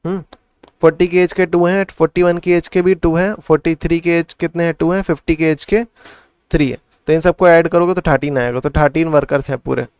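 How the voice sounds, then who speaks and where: A man's voice: on the high side, fairly even intonation, a little fast, darkish tone, smooth, no echo. A man tutoring maths in casual Hindi mixed with English, working sums aloud and asking and answering his own questions. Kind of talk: casual classroom explanation.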